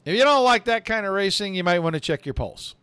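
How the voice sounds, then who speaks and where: Man, race commentator, excitable play-by-play, high voice, clean dry sound. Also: quick pace, clear, resonant tone, no echo.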